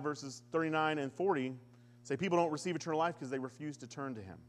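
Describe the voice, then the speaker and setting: A man preaching a sermon as a pastor, conversational with touches of humor and animated scripture quotes. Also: mid-range voice. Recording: church hall with long reverb.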